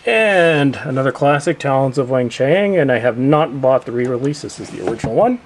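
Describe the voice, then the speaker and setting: A man giving a casual walkthrough of his collection, chatty, drawing out each title slowly. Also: medium pitch, lively intonation, a little hiss or hum, low-quality recording. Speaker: collector showing his shelf.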